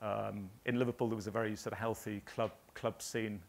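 A man in his fifties from northern England, a graphic designer telling rambling stories with many pauses to a live audience. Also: on the low side, little pitch movement, gravelly. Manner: rambling anecdotal storytelling with many ums. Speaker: graphic designer giving a talk.

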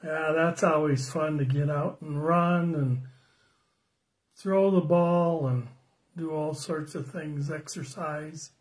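An older man in his sixties giving a children's sermon on a phone livestream, slow and friendly, greeting viewers by name and asking the kids questions. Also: a little high, steady tone. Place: small room indoors at home. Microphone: phone camera close up.

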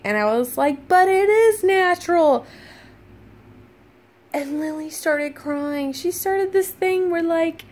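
A young woman from Alabama with a Southern American accent, rambling casually to her vlog audience with lots of fillers. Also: high-pitched. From Alabama, USA. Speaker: vlogger.

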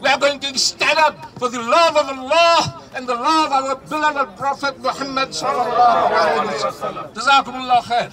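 A man's voice: extremely high pitch, steady tone, normal speed, distant mic, low-quality recording. A man giving an impassioned, declamatory protest speech in a rhetorical style, as if leading a crowd. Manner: rhetorical, declamatory, leads chants. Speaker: protest speaker. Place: outdoors at a street protest. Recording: outdoor rally PA, street noise.

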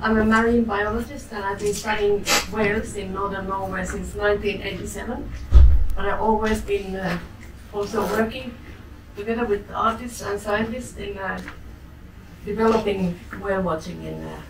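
A woman's voice: mid-range voice, fairly even intonation, moderate pace. A woman, a marine biologist, introducing herself in a conference presentation in a small meeting room. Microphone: far camera. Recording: echoey room from far off, music.

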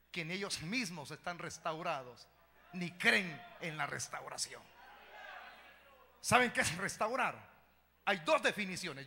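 High, bright Salvadoran preacher in a reverberant church. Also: male voice. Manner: animated storytelling with sudden shouted bursts. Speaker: pastor. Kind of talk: evangelical sermon. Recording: long reverb of a church hall.

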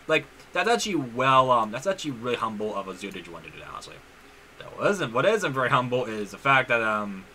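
A man's voice: mid-range voice, pushed and bright, slight background noise, rough recording. A man giving casual let's-play commentary on his own channel, rambling, often restarting his sentences and leaning on "honestly.". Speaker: gaming YouTuber.

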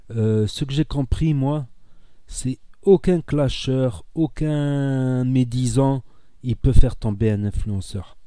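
A man with a southern French accent from Narbonne speaks in a very dark, deep-toned voice, rambling earnestly through a casual monologue as a content creator. He repeats phrases for emphasis and gets heated. The sound is dry and close, with no room echo. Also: clean tone. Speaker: social media content creator.

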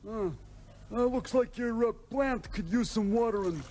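An actor voicing a deadpan, hesitant male theater janitor in a puppet comedy. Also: very high-pitched, moderate pace. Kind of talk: puppet comedy character acting.

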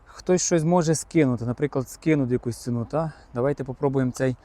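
A man's voice: medium pitch, fast talker, dark tone. A man chatting casually to his viewers as he inspects used cars outdoors at a car market. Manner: chatty, addresses viewers directly as friends.

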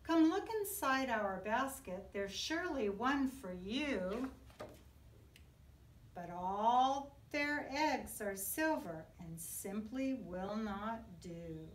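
A middle-aged kindergarten teacher reads a picture book to young children in an indoor classroom, her voice on the high side and her delivery slow, sing-song and very lively. She lingers over each phrase the way a storytelling teacher does. A camera a few feet away captures her with roomy echo and slight background noise.

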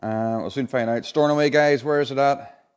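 This competition draw host, a man around forty, keeps things chatty and casual as he runs a live prize draw in an indoor showroom with a car and screen. He speaks at a normal speed with a medium, steady, resonant voice that comes through clearly.

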